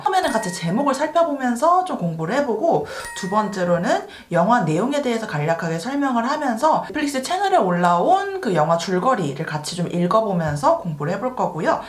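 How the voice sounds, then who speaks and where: A woman explaining an English lesson as a video host, saying English words and phrases slowly and clearly. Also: mid-range voice. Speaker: English teaching YouTuber. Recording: roomy echo.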